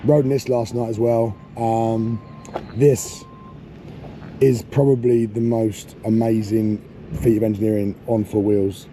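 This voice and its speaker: A man's voice: on the low side, flat delivery, unhurried, mellow. A man vlogging at an airfield, talking casually and joking with laughs between lines. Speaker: car vlogger. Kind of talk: casual vlog chat. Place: outdoors at an airfield near cars. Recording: outdoor vlog with clear background noise.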